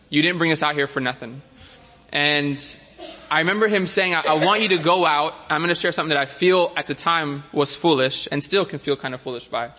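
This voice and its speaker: A man casually telling a faith story, self-deprecating and full of halting restarts. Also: on the high side, pushed and bright, long reverb tail. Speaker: testimony speaker. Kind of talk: faith testimony talk.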